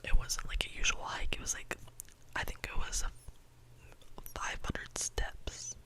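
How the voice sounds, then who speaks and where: A young adult speaking in a cupped-hand ASMR whisper, close and breathy, rambling casually and repeating phrases. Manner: repeats phrases slowly for effect. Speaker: ASMR creator.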